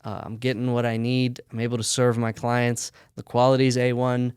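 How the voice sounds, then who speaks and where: This is a sock company's founder from the United States, speaking in a smooth, mid-range voice with studio quality and no room sound. Relaxed and chatty in a podcast interview, he tells his story with frequent fillers and quick laughs.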